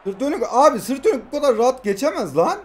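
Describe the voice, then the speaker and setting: A man in his twenties commenting his own mobile football match, shouting at his players in excited outbursts and dropping into low muttered asides between them. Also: fast talker. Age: 20s. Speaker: mobile football gamer streamer. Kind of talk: live gameplay commentary.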